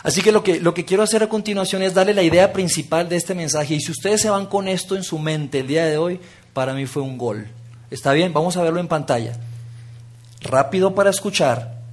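A man preaching a sermon, engaging the audience with exercises and dropping to a soft, intimate tone for key points. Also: high voice.

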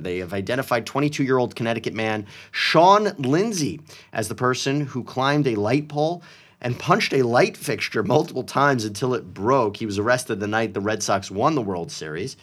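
A man co-hosting a casual chat show, joking and reading out news stories with a playful manner. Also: fairly low pitch. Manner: playful, jokey, puts on silly voices. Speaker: podcast co-host.

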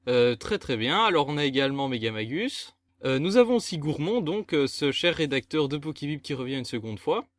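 A man's voice: a little high, big pitch swings, brisk, hardly any pauses, no room sound. A man hosting a gaming podcast, chatting casually and teasing his co-hosts with exasperated banter. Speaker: podcast host. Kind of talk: casual chat.

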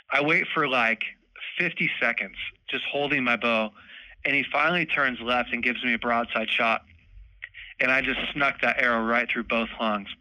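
Male guest, casual storyteller, bright forceful tone, dry close sound. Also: mid-range voice, no echo, rough recording. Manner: animated, laughs often, acts out moments. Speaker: podcast guest, bowhunter.

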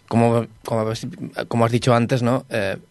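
A man co-hosting a podcast, explaining everyday online scams earnestly and deliberately. He pauses on fillers as he builds his point. His voice is mid-pitched and recorded dry. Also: level tone, dry recording. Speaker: podcast co-host. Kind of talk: casual chat.

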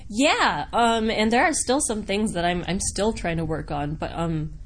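An American woman from Wisconsin, speaking with a medium pitch and a slightly slow pace, answers interview questions casually as a voice actor. She's chatty and rambling, with a giggly, self-deprecating manner. There's noticeable background noise in the recording.

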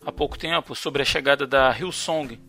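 A man's voice: mid-range voice, fairly even intonation, normal speed, creaky, bright, forceful tone, soft background music. A man co-hosting a podcast, casually bringing up something he read and asking his co-host about it. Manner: conversational, relays what he read. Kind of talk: casual discussion.

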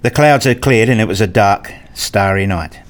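In a radio play, a man serves as both narrator and lead, playing a brooding husband and father obsessed with rules. He uses a natural, lowish voice at a moderate pace, and his first-person narration and dialogue sound introspective and pedantic.

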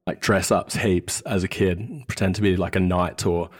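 A low, steady voice at a moderate pace belongs to this thirty-something guest on a podcast, an Australian who was born in New Zealand. The conversation is a relaxed interview, and he sounds hesitant, groping for his words.

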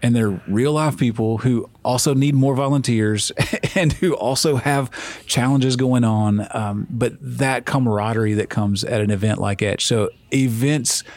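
A man's voice: medium pitch, a little slow, a little mellow, no room sound. A man who leads children's ministry at a church, talking earnestly in an interview and telling stories from his work. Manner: earnest, anecdotal, with many fillers and restarts. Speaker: church kids ministry leader. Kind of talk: conversational interview.

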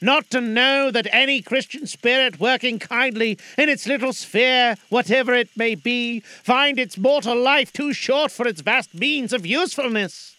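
A man voicing the mournful, chained ghost of a dead old businessman, speaking in a solemn, slow lament. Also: very high-pitched, pushed and bright, clear, resonant tone, dry recording, pitched above the performer's own voice, heavily acted.

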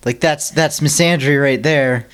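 A podcast co-host chatting casually, with deadpan, blunt jokes and stammered restarts. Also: mid-range voice, a little slow. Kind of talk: casual chat.

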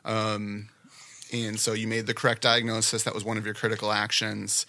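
A man's voice: lowish voice, completely flat delivery, normal speed, bright, forceful tone. A man running a practice case as examiner, chatting casually and explaining with everyday analogies. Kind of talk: casual teaching and feedback.

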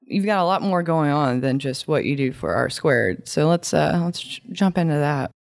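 Podcast host, lively intonation, short casual prompts. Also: medium pitch, gravelly. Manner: short prompts and quick reactions.

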